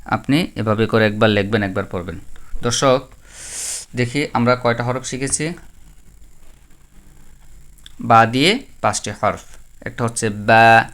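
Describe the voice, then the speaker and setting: A man's voice: medium pitch, measured pace, long pauses, a bit bright. A man teaching a Quran pronunciation lesson, patiently repeating and drawing out each sound. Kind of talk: slow letter-by-letter recitation lesson.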